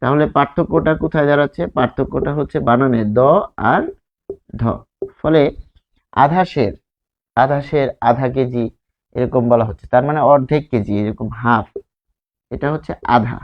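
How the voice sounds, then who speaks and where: Teaching grammar at a whiteboard, a man with a Bangladeshi Bengali accent explains things slowly, repeats words, and asks rhetorical questions. He speaks at a medium pitch in a muffled recording.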